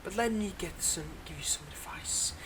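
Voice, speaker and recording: In an intimate roleplay audio monologue, a man plays a weary, wry supervillain who hides a kind side. His voice is high and whispered yet natural, moving at a moderate pace as he talks conversationally and a bit hesitantly. The mood is wry and earnest.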